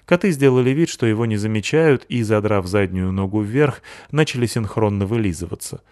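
Guy reading a kids story out loud, low-ish voice, lively and expressive. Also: fairly quick, no echo, studio quality. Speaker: narrator. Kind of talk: storybook narration.

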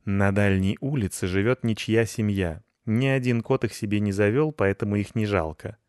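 A grumpy ginger tomcat hisses his complaints, as a male storyteller puts him on. The voice stays low and is slow when sulking. The reading is dry and close. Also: a little mellow, smooth, dry recording, natural voice. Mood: grumbling, indignant. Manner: hissing, indignant.

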